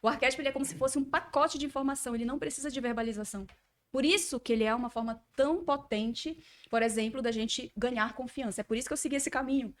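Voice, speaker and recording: A woman's voice: high-pitched, fast talker. A woman guest on a podcast, a communication mentor speaking fluently and explaining ideas at length.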